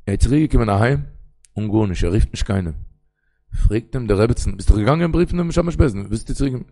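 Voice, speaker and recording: Gravelly-voiced rabbi preaching in Yiddish. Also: male voice, lowish voice, expressive, quick pace, dark tone. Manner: rambling, storytelling, quoting sources in a singsong. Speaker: rabbi giving a Torah talk. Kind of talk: Yiddish sermon on the weekly portion.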